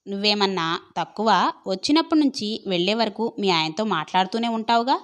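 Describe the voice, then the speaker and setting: A woman's voice: mid-range voice, animated, fast talker, lightly acted. A woman voicing a cheeky younger brother who teases his sister in an audio story.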